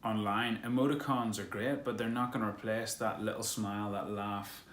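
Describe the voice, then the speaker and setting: A man's voice: on the low side, steady tone, normal speed, a bit bright, echoey room. A man co-hosting a casual vlog, talking in an encouraging, reflective way. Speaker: vlog co-host, actor.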